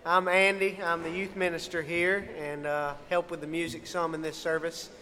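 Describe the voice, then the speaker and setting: A man's voice: fairly high pitch, level tone, normal speed, sharp tone, a little hiss or hum. A man speaking as a youth minister, giving church announcements in an upbeat, informal way. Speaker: youth minister and worship music helper. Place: church sanctuary, amplified. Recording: echoey hall with long reverb.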